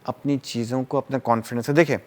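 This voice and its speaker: Male psychiatrist guest, mid-pitched, talks through everyday examples. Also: fairly even intonation. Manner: explains with everyday examples, mixing English terms. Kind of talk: explanatory interview talk.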